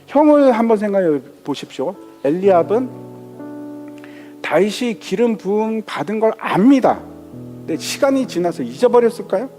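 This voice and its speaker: A man's voice: high-pitched, warm tone, in a large hall. A man preaching a sermon as pastor, building through rhetorical questions and emphatic repetition, in a large church sanctuary.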